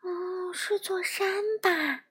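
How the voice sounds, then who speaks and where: A woman voicing a small silver fish, a brave and eager little male creature who talks in a high, excited voice. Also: extremely slow, heavily acted. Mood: wondering.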